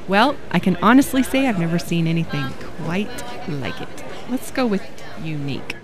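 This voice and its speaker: A flustered, prim soap-opera lady, voiced by a man. Her high falsetto jumps up and down expressively. Music plays behind her. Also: big pitch swings, moderate pace, a crowd in the background. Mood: polite.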